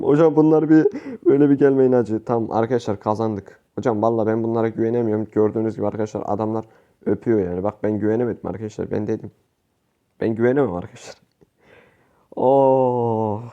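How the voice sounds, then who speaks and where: Gaming YouTuber, male, mellow tone, excitable slangy commentary. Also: medium pitch, highs cut off. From Turkey. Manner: excitable, pleading and swearing at teammates, slangy. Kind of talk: live gameplay commentary.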